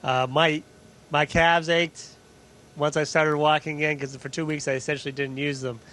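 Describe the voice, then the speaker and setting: A man with a moderately high voice talks as an astronaut. He answers informally, thinking aloud as he explains. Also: little pitch movement, moderate pace, bright, forceful tone. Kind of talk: answering questions in a live link-up.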